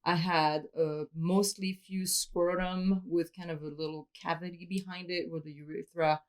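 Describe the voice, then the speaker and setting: A woman originally from Switzerland talks openly in an interview. Her voice sits a bit low for a woman. She explains things step by step in a candid, matter-of-fact way. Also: fairly even intonation, moderate pace. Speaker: interview guest.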